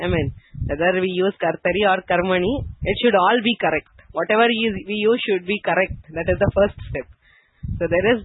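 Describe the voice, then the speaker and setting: A man with a high, husky voice leads an online grammar lesson, explaining patiently and pausing on "okay" and "so". The sound is thin and phone-like, and dry with no room around it. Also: dry recording. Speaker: Sanskrit grammar teacher. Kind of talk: online class lecture answering questions.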